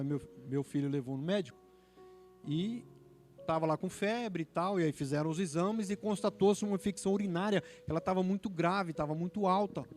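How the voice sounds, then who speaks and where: High-voiced Brazilian preacher, fervent. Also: male voice, a little mellow. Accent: Brazilian Portuguese. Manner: fervent, building to emphatic peaks. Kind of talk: sermon.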